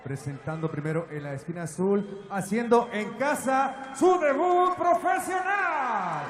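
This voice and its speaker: A man with a Mexican accent announcing fights like a lucha libre announcer, rattling off details and stretching names into dramatic shouts. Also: extremely high pitch, animated, moderate pace. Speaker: ring announcer. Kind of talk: lucha libre style ring announcing in Spanish. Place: fight cage in an arena. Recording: echoey arena PA with crowd noise.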